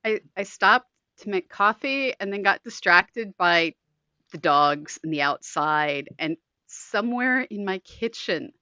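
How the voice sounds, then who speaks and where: A woman co-hosting a podcast, chatty and self-deprecating, quick to laugh at herself. Her voice is bright and forward. It comes through tinny, low-quality audio from a makeshift mic, dull and completely dry with no room sound. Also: lively intonation, smooth, no room sound. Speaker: podcast co-host, scientist. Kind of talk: casual chat.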